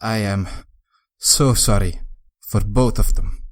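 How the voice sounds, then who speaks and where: A man's voice: fairly low pitch, slow, voice pushed down. Guy doing a clipped battle-worn head warrior, short and to the point. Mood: sympathetic. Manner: curt, clipped. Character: male head warrior, curt and battle-hardened.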